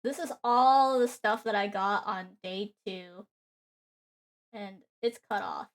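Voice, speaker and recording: A young woman streams and chats casually, rambling along with plenty of fillers. Her voice is mid-range and slow, and faint music plays in the background.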